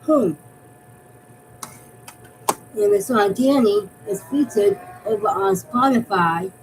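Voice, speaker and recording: Woman from Massachusetts, casual fan chat, mid-pitched, rambling delivery, faint rumble behind. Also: slow. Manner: rambling, repeats and restarts phrases. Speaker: fan vlogger.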